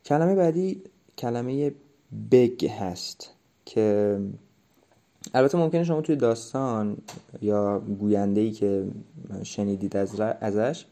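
A man's voice: lowish voice, warm tone. Patient man giving pronunciation feedback. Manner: patient, explanatory, hesitant with many fillers. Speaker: English pronunciation teacher.

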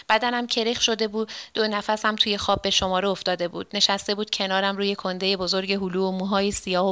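A woman narrating a dark story in a measured, dramatic way. Her voice is bright and clear, with even delivery. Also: medium pitch.

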